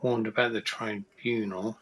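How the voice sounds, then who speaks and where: A man's voice: fairly low pitch, level tone, a little slow, a bit bright. A middle-aged man casually reading game text aloud and commenting during a playthrough. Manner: chatty, amused, reads lines with chuckles. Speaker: gaming video host. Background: game music.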